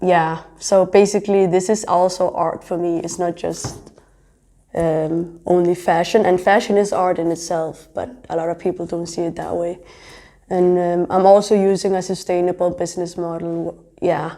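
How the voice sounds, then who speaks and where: Speaking at a normal speed in a warm, lowish voice with little pitch movement, a Somali-born woman raised in Denmark answers an interviewer. In her twenties, she studies pharmacy and designs fashion, and she chats about both with many fillers.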